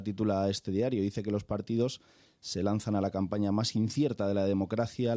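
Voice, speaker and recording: Male commentator reading out headlines, dark and lowish, steady and dry. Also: no echo. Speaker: press reviewer. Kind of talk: reading newspaper headlines on air.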